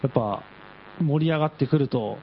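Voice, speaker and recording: A man hosting a radio show, reading a listener's letter aloud in a deadpan storytelling way. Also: mid-range voice, fairly quick, a little hiss or hum. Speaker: radio host. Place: radio studio. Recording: dull lo-fi radio audio.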